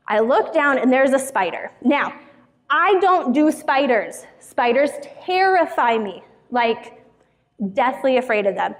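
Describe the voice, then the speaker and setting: A young woman pastor telling a funny personal story in a casual sermon to a church group. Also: sits high. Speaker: youth pastor. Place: church hall. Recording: hall reverb.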